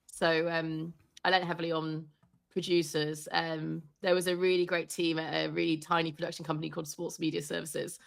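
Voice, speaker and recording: A woman sports reporter chatting as an interview guest, telling animated stories and laughing often. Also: sits low, brisk, vocal fry. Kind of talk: casual interview chat.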